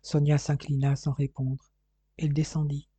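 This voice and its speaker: A man reading a novel aloud as an audiobook narrator, in a measured, steady way. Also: on the high side, slightly rough, dry recording. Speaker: audiobook reader. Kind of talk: scripted narration.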